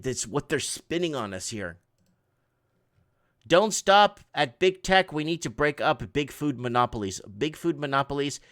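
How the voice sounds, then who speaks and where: A middle-aged man whose native language is Portuguese hosts an online news show, reading headlines aloud haltingly, restarting often and tossing in casual asides. His medium-pitched voice is slightly bright, captured in a dry, studio-quality recording.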